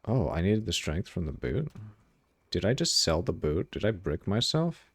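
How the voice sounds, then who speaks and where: Deep gravelly-voiced male streamer. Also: very animated, normal speed, dry recording. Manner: swears freely, reacts loudly, reads chat messages aloud. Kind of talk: casual live-stream commentary while gaming.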